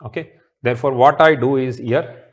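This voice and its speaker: A man's voice: medium pitch, fairly even intonation, moderate pace. A man in his thirties with an Indian accent lecturing on mathematics at a board, often repeating his phrases and checking in with students. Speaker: mathematics teacher. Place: indoor teaching studio with blackboard.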